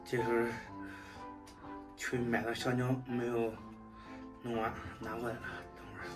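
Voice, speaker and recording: A man's voice: mid-range voice, completely flat delivery, moderate pace, distant mic. A man, chatting casually as a vlogger. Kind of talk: casual vlog chat. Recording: background music, voice off from mic. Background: music.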